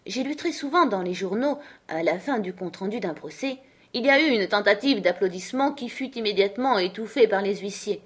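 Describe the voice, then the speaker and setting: A woman's voice: mid-range voice, animated, fairly quick, breathy edge. A woman voicing a curious young girl musing to herself in a storybook reading, in a light tone.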